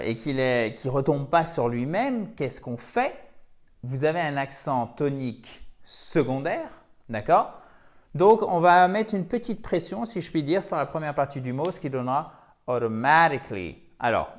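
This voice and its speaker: A man teaching English pronunciation in French, explaining stress step by step and pointing to examples. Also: a little high.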